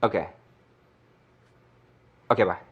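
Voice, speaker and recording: A man's voice: slow pace, lo-fi sound, a little hiss or hum, natural voice. An actor playing a defensive groom-to-be who bickers with his partner. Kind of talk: film acting.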